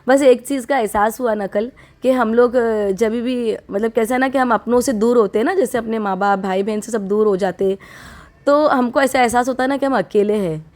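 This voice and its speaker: A woman in her thirties, unwell, chatting warmly and from the heart to her viewers in a casual home vlog. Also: fairly high pitch, normal speed. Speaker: vlogger.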